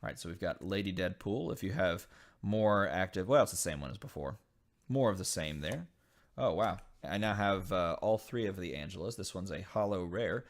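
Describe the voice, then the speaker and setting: A man hosting a casual unboxing video, reading game card text aloud and thinking over each card with frequent pauses. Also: sits low, lively intonation. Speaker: channel host opening dice game packs.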